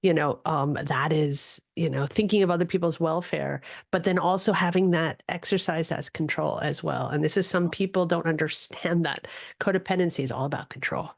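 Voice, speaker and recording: A woman's voice: low voice, normal speed, vocal fry, no room sound, studio quality. A woman hosting a casual interview, affirming her guest and restarting her sentences often. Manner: warm, affirming, with repeated restarts. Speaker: host.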